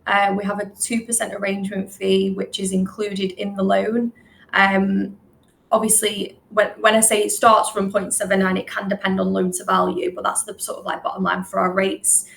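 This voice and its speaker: A woman who works in business development at a lender talks very quickly with frequent fillers as she presents on a webinar and answers questions over a video call. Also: mid-range voice, monotone, gravelly, fairly bright tone, a little hiss or hum, rough recording. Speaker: finance business development manager.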